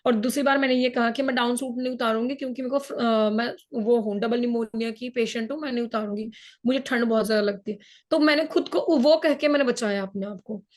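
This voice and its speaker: Woman, from India, high voice, sore throat, earnest interview storytelling, mixes in English words. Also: steady tone, brisk. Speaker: mountaineer guest.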